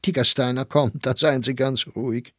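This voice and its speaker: A man voicing a cool, aloof gentleman who speaks with calm confidence in a storybook. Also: mid-range voice, normal speed, no echo, studio quality, voice pushed up, lightly acted. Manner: cool, reassuring.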